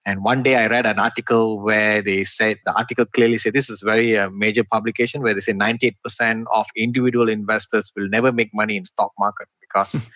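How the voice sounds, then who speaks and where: Bright-voiced man, chatty guest. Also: lowish voice, steady tone, quick pace, hardly any pauses, dry recording. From Malaysia. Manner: chatty, many "you know" and "right?" tags, loose grammar. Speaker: guest, real estate investor. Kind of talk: interview conversation.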